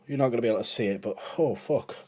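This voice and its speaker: A man's voice: medium pitch, rapid-fire, a little mellow, slightly rough. A man hosting a reaction video, talking casually and emotionally, sighing, swearing and searching for words.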